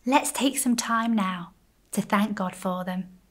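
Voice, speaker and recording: A woman, a church families coordinator, gently and expressively reading a children's story aloud. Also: medium pitch, slow.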